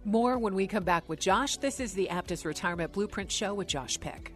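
A woman co-hosting a radio finance show, introducing segments and asking clear, prompting questions. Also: medium pitch, expressive, brisk, faint music behind. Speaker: radio co-host.

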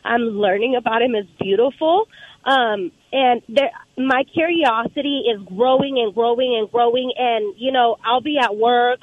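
A woman's voice: fairly high pitch, a little slow, no room sound. A woman in her thirties calling a radio show on speakerphone, asking earnest, hesitant questions with many ums. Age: 30s. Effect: speakerphone over a phone line. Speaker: caller. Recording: tinny phone line.

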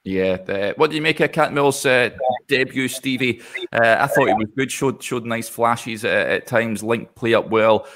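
A man's voice: mid-range voice, normal speed, fairly bright tone. A man co-hosting a casual football discussion, brief and a little hesitant. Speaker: football podcast co-host.

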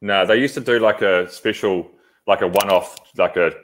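A man's voice: deep voice, fairly even intonation, normal speed, a little hiss or hum. A man talking casually and informally as a co-host on a podcast. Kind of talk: casual chat.

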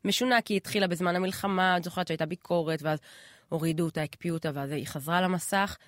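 A woman's voice: on the low side, fairly even intonation, no echo, clean studio sound. A woman with an Israeli accent telling background stories in a casual, conversational co-host style. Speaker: pop culture podcast co-host. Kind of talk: casual chat.

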